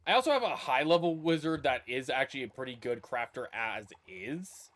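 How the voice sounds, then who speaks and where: A man's voice: mid-range voice, animated, a little fast, a bit bright. A man streaming a video game, talking casually and thinking aloud with meandering restarts. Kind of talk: casual livestream commentary.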